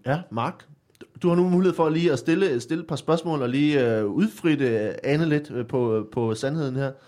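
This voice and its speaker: A man's voice: fairly high pitch, darkish tone. A man hosting a casual podcast quiz, hesitant and joking, with many fillers as he talks. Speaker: podcast host and quizmaster.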